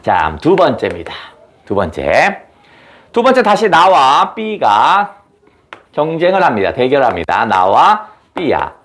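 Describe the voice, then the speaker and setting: A man's voice: mid-range voice, wildly swooping pitch, slow, fairly bright tone. A young adult man giving an exam-prep literature lecture in a chatty way, asking students rhetorical questions and acting out lines. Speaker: Korean literature teacher.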